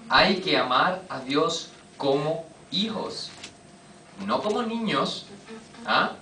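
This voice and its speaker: Bright-voiced preacher, echoey hall. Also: male voice, on the high side, animated, distant mic, a little hiss or hum. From Costa Rica. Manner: engages the congregation with quick rhetorical questions. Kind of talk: sermon. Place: church hall.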